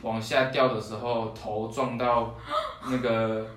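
A young man tells childhood anecdotes in a loose chat, breaking into laughter often. His voice sits at a middling pitch and comes from a little off the mic. The room around him rings with echo. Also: flat delivery, slow, fairly bright tone. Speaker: podcast co-host. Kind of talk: casual chat, storytelling. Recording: roomy echo, distant mic.

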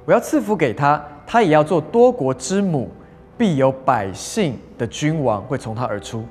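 A man preacher voicing God, solemn and weighty, slow, with long hall reverb and soft music behind. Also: on the high side, animated, breathy edge. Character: stern almighty male God, scolding.

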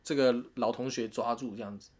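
A man's voice: medium pitch, fairly quick, slightly rough. A man, telling a story in a casual chat and acting out what people said. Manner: animated retelling with quoted voices and laughs.

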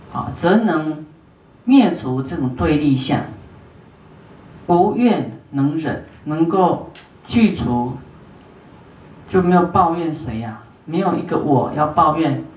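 Speaking in a low, slightly mellow voice, a woman Buddhist teacher lectures an audience on the dharma at a leisurely pace, filling gaps with drawn-out "ah"s. She quizzes listeners and asks them to raise hands, sounding far off in a large hall.

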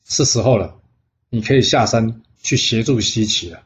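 A man voicing a cautious, grave old Taoist master who speaks in a measured, questioning way, on a dull lo-fi recording. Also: mid-range voice, natural voice.

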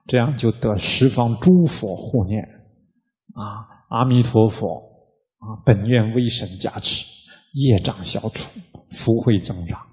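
A man, a Buddhist monk, gives a casual, conversational dharma talk, often opening his phrases with a drawn-out "ah" and sometimes chanting quickly in rhythm. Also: medium pitch, a little mellow, big-room sound. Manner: demonstrates rapid rhythmic chanting.

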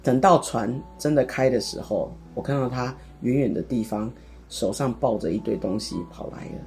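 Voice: mid-range voice, normal speed, a little mellow, soft background music. A podcast co-host, casually chatting and retelling a story theatrically, acting out the dialogue. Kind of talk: casual chat, dramatic storytelling.

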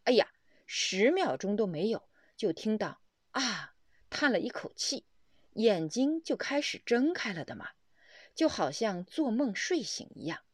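A woman reads a devotional Buddhist story aloud, full of exclamations. Her pitch moves in wide, lively swings. The recording is close and dry. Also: a little slow, no room sound. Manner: animated storytelling, frequent exclamations. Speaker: reader of a Buddhist text.

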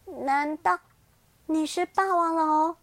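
A woman's voice: high voice, slow, fairly bright tone, no echo, pitched above the performer's own voice, full character voice. A woman voicing a frightened young dinosaur child who protests insistently in a storybook tale. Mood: protesting. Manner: protesting shrilly.

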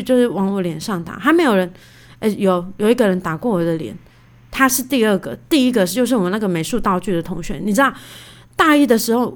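A woman in her thirties hosting a casual solo podcast, telling stories in a chatty, animated way with lots of fillers. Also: medium pitch. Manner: chatty, animated, indignant retelling; many fillers like "you know". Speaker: podcast host.

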